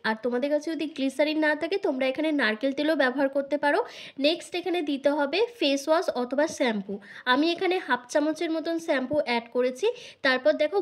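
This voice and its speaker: A hoarse woman with a Bengali accent from India, giving a skincare tutorial to her viewers as a vlogger. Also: high voice. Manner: brisk, instructive, addresses viewers directly. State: hoarse from illness. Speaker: beauty vlogger.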